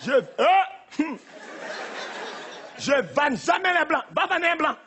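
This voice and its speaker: A man's voice: very high-pitched, lively intonation, a little slow, pushed and bright. A male stand-up comedian performing a live routine on a theater stage, with a punchy, teasing delivery aimed at the crowd. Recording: live theater, audience and noise.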